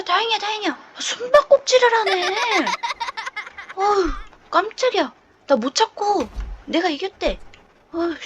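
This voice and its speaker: Jumpy woman gamer talking thru a scary game, high voice, bit of hiss behind. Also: a bit bright. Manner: chatty, jumpy, lots of nervous laughter. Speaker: game streamer. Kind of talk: horror game let's play.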